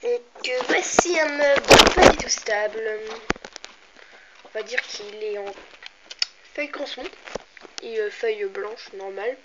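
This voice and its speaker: A woman's voice: fairly high pitch, unhurried, long pauses. A young woman with a slightly sick, cracking voice chats casually and hesitantly as she shows things, rambling and interrupting herself. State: slightly sick, clearing throat and coughing. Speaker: amateur video maker presenting handmade doll furniture. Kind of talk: casual show-and-tell chat. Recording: dull lo-fi home recording, clear noise.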